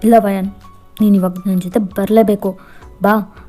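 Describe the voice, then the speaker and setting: A woman's voice: fairly high pitch, steady tone, moderate pace, mellow, soft background music, close to an everyday voice. A woman voicing an insistent, pleading young man confessing love in a fan fiction voiceover. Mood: earnest pleading. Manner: insistent, coaxing.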